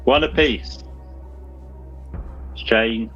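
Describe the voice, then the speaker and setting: A man's voice: mid-range voice, drawn-out words, a bit bright, breathy edge. A man hosting a casual movie quiz and reading out questions, with a speech trait of saying w for r. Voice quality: can't pronounce R's properly, says w for r. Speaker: quiz host. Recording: dull lo-fi sound with music. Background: music.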